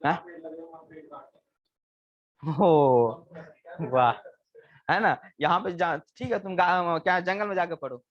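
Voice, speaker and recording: A male engineering teacher giving a live lecture, firing questions at his students and answering them himself, slowing right down to dictate definitions and using homely everyday examples. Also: high-pitched, lo-fi sound. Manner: slows to dictate definitions word by word.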